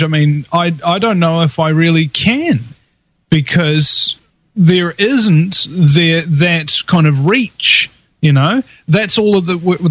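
A man's voice: fairly high pitch, dry recording. A man with a broad New Zealand accent talking casually and opinionatedly, with a sarcastic way of acting out imagined dialogue.

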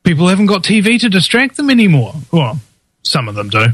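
A man's voice: high-pitched, huge pitch swings, a little fast, fairly bright tone, no echo. Man with a broad Kiwi accent. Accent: broad New Zealand. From New Zealand. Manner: sarcastic, acts out imagined dialogue. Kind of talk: casual opinionated talk.

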